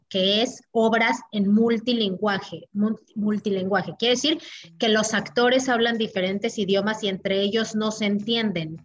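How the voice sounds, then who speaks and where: A woman's voice: medium pitch, muffled recording. Chatty woman reviewing a film. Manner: animated, talks through restarts and fillers. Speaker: film podcast co-host. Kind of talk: casual film review chat.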